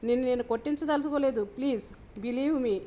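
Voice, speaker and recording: A woman's voice: high voice, fairly quick, mellow, a little hiss or hum, natural voice. A woman reading a proud rich businesswoman. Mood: assured.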